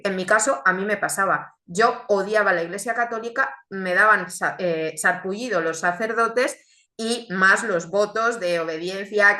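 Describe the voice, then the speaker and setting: A woman gives a faith testimony in an earnest, reflective way and often poses rhetorical questions. Her voice is bright and forceful. The room around her sounds echoey. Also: medium pitch. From Chile, raised in Spain. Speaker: speaker giving a faith testimony. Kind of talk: testimony talk.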